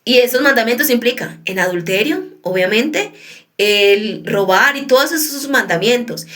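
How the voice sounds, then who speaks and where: A woman preaching in a relaxed, conversational sermon. Her voice sits a little high for a woman. She keeps turning to her listeners with quick questions as she explains. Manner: conversational teaching, often checks in with listeners.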